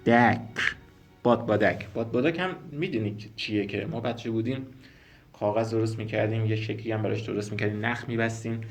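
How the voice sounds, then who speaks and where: A man teaching a spoken language lesson, explaining slowly and repeating sounds and example words. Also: fairly low pitch, steady tone, gravelly, soft background music. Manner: slow, careful explanations, repeating and spelling out sounds.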